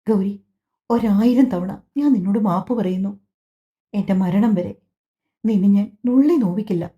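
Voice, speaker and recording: A woman voicing a remorseful, tender young husband in a family audiobook, speaking softly and apologetically. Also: mid-range voice, unhurried, highs cut off, natural voice. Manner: soft, apologetic. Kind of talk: audiobook dialogue.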